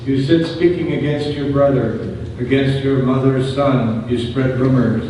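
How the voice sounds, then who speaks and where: A man's voice: medium pitch, fairly even intonation, unhurried, warm tone. A man reading scripture and psalm verses solemnly as a lector at Mass in a large church. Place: large reverberant church, away from the microphone. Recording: very echoey church, distant, clearly noisy.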